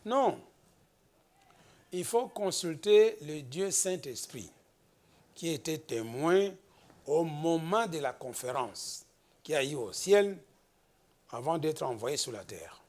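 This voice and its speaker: A man from the Democratic Republic of the Congo preaching a slow, emphatic sermon as pastor, rising into exhortations. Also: on the high side, sing-song, darkish tone.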